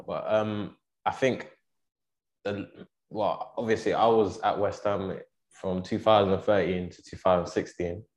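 Low-voiced man hosting casually. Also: fairly even intonation, measured pace, darkish tone. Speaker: podcast host, former academy footballer. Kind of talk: casual interview chat.

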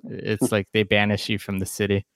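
A man's voice: on the low side, monotone, normal speed, fairly bright tone, no echo. A man on a podcast, casually telling a wry story with dry humor. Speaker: podcast co-host. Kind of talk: casual chat.

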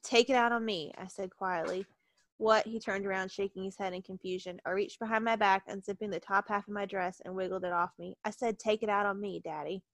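A woman's voice: medium pitch, fairly even intonation, a little fast, dry recording. A woman reading fan fiction aloud on a podcast, giggling and breaking off in embarrassment. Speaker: podcast co-host.

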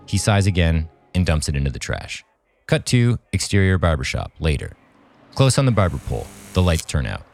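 Low-voiced man narrating a script, lively. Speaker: podcast host, narrator.

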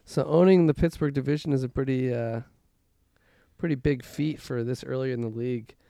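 Mellow, creaky-voiced man hosting casual banter. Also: mid-range voice, steady tone, moderate pace, dry recording, studio quality. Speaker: host of a fantasy football league podcast.

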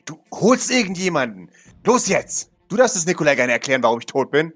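A man's voice: fairly high pitch, sing-song, brisk, fairly bright tone, soft background music. A man voicing a furious, panicked caller who hides while he talks on the phone and snarls insults. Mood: snarling, panicked.

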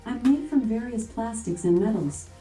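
A synthetic female voice assistant answering questions in even, scripted phrases. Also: fairly high pitch, normal speed, echoey room, faint music behind, low-quality recording. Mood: flat. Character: female smart-speaker voice assistant. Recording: smart speaker heard from across the room.

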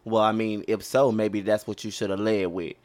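A man's voice: lowish voice, level tone, moderate pace, a little mellow. A young man co-hosting a casual podcast, talking bluntly and passionately with plenty of swearing. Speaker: podcast co-host.

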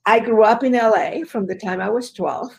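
Gravelly-voiced woman telling her story. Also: a little high, normal speed, a little mellow, lo-fi sound. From Chile. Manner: earnest, emphatic storyteller with fillers. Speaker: guest, business educator. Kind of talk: conversational storytelling interview.

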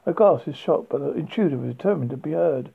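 An amateur reader narrating book extracts in a halting way, with frequent slips and restarts. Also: mid-range voice, expressive, gravelly, slightly rough. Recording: tinny phone-like sound.

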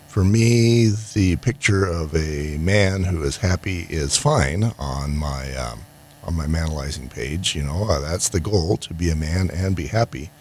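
A middle-aged man giving a casual, rambling monologue in a halting, reflective way, often trailing into pauses. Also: very deep voice. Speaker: solo podcast host and small business owner. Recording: clear background ambient noise.

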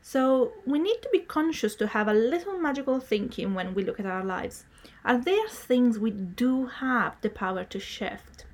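High, girlish anime-style woman podcaster. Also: moderate pace. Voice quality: bright, girlish anime-girl voice. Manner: perky, excitable. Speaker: podcast host. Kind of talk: scripted podcast narration.

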